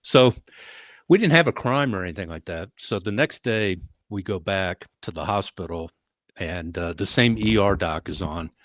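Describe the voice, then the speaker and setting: Older man, low voice, dry close podcast sound, rambling storyteller with uh fillers. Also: normal speed, no echo. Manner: animated storyteller with frequent uh fillers and restarts. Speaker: retired police leader, podcast guest. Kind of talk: conversational storytelling.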